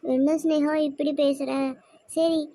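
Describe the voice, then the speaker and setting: A woman playing a poor, kind schoolgirl in a church kids' skit, talking in a soft, pleading way. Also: high-pitched, fairly even intonation, slow.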